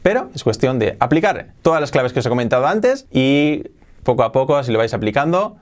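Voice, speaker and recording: A man gives a video lesson on learning English, speaking with energy and often repeating words to stress a point. He slows down to spell out example phrases clearly. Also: mid-range voice, big pitch swings. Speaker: English teacher.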